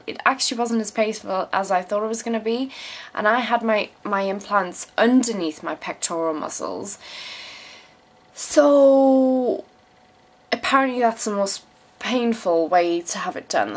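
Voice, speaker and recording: Speaking to camera indoors in a small room at home, this twenty-something vlogger, born in South Africa and living in England since her teens, fields viewer questions in a candid, casual way, swearing now and then. Her pitch is medium, captured by a camera mic roughly an arm's length off.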